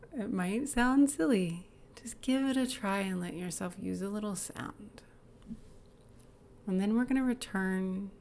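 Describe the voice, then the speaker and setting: Woman, meditation guide, very slow, gravelly, gentle, faint background hiss. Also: medium pitch. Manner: calm, gentle, inviting, drifts into soft whispers. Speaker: guided exercise instructor.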